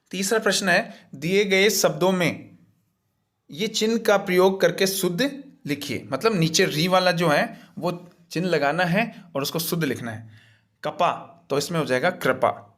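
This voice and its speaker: A man's voice: high-pitched, moderate pace, a bit bright. A man teaching as he walks through a worksheet's answers, explaining each one patiently and step by step in a repetitive way.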